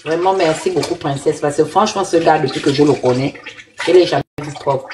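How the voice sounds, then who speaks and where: A woman's voice: sits low, a little fast, background noise. A woman hosting a live commentary, emphatic and exhorting her viewers. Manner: emphatic, exhorting, speaks in repeated appeals. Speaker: live show host.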